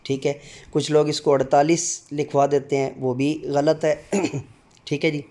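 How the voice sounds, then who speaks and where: A middle-aged male teacher explaining the Urdu alphabet, calling out each letter slowly with many fillers between explanations. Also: fairly high pitch, level tone, mellow. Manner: drawn-out letter recitation with frequent fillers.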